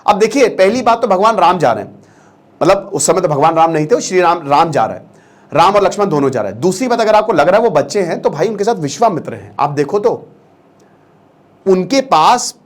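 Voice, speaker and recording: A man retelling a scripture story live and drawing lessons from it, in an animated way that speaks straight to the listeners. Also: high voice, brisk. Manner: animated, addresses listeners directly. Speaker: storyteller and teacher.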